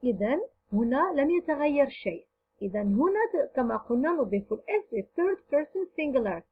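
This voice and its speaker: A woman teacher giving a grammar lesson, explaining each point slowly and deliberately, repeating it in two languages with frequent drawn-out "aah" fillers. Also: sits high, very animated, narrow, tinny audio, slight background noise. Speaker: English teacher.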